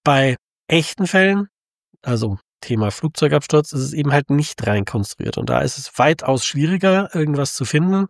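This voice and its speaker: A man's voice: on the high side, no echo, studio quality. A man talking in a casual, thoughtful monologue, with many fillers and restarts.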